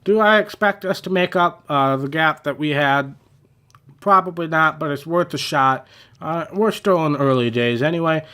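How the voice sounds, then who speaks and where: A man's voice: on the high side, moderate pace, bright, forceful tone, clear, resonant tone. Young man with a slightly worn voice. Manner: rambling, self-deprecating, with many fillers. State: slightly losing his voice. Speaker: gaming channel host. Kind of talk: casual gameplay commentary.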